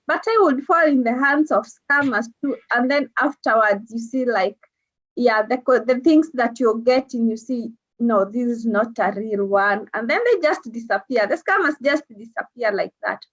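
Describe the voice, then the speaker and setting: A woman's voice: on the high side, normal speed. Kenyan woman, hesitant and lo-fi. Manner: hesitant, many fillers, laughs easily. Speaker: guest. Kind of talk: casual interview chat. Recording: dull lo-fi sound.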